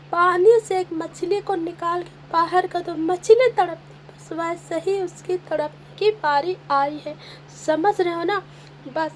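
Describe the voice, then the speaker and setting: High-voiced slow-speaking woman relationship coach. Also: slight background noise. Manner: emphatic, repetitive, coaxing. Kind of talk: motivational advice talk.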